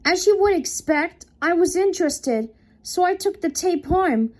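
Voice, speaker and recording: Woman narrator, horror story read-out, slow and mellow, stumbles and restarts a lot. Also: extremely high pitch, expressive. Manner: slow, halting, frequent restarts. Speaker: creepypasta narrator. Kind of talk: unscripted horror story reading.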